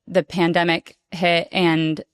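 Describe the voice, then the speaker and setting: Smooth low-voiced woman, earnest guest. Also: flat delivery, no echo, clean studio sound. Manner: earnest, reflective, slow to find words. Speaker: guest performer. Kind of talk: podcast interview. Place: podcast recording before a live audience.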